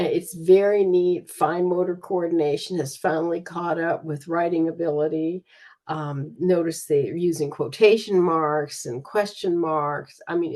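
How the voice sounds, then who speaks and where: A woman giving a relaxed, chatty slide presentation from a computer, with frequent fillers. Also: low-pitched. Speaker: student presenter.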